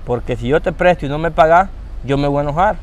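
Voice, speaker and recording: A man's voice: on the high side, quick pace. A man acting in a comedy sketch, wary and complaining, outdoors near traffic.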